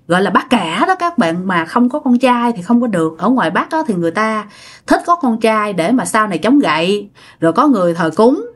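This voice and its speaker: A woman's voice: a little high, fairly bright tone. A woman telling a ghost story in a chatty way, speaking straight to her listeners. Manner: chatty, addresses listeners directly. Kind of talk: casual ghost-story narration.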